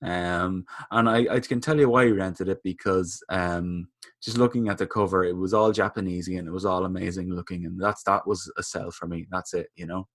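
A podcast co-host with a low, fairly bright voice chats casually, rambling through opinions with plenty of fillers. He speaks a little fast with fairly even intonation, captured on a dry, studio-quality recording.

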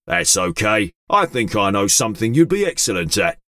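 A man voicing a big, square, friendly male robot mechanic who speaks helpfully in a slightly lower voice. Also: sing-song, moderate pace, pushed and bright, no room sound, full character voice.

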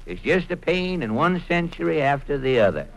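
An actor playing a weary, grumbling but kindly old Santa Claus with rustic, folksy speech in old-time radio comedy style. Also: male voice, fairly high pitch, sing-song, moderate pace, vocal fry, poor audio. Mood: weary, resigned. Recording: vintage radio recording with background hiss.

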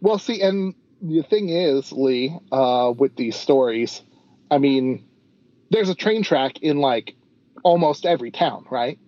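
A man co-hosting a podcast, chatting casually and rambling with lots of fillers. His voice comes through a dull, lo-fi backup recording because the main audio dropped out, so it sounds like a low quality stream. He speaks a bit high for a man. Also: animated, slow, dark tone, no echo. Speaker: podcast co-host.

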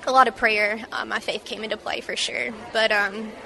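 A young woman in her twenties from Mississippi tells her story in a bright, forceful voice with a slightly high pitch. She speaks haltingly and reflectively, filling pauses with many hesitations, over a faint hum of noise behind her. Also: flat delivery, gravelly. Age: 20s. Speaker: interview guest. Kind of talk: personal testimony interview.

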